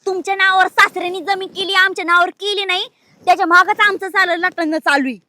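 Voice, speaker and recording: An actress playing a quarrelsome sister-in-law, combative and mocking. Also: female voice, very high-pitched, fairly even intonation, fast, sharp tone, dry recording, heavily acted. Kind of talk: Marathi village drama acting.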